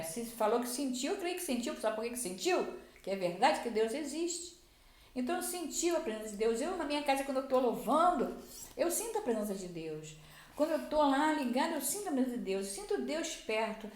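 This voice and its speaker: Woman preaching bible lesson, earnest, lots of restarts, kinda high voice, echoey room. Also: darkish tone. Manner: earnest, repetitive, with many restarts. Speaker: Bible teacher at a church program. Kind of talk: sermon-style Bible teaching. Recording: roomy echo.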